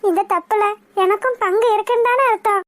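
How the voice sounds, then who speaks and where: Very high voiced anguished young woman. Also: fairly quick, no echo, clean studio sound. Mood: sorrowful. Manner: anguished pleading to god. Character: grieving devout young woman, gentle-hearted. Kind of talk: cartoon drama dialogue.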